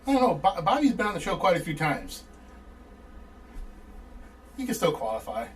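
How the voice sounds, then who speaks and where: A man's voice: high voice, wildly swooping pitch, moderate pace, a little hiss or hum. A man hosting a casual podcast, joking and teasing listeners as he runs a trivia giveaway. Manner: wisecracking, teasing. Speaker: podcast host.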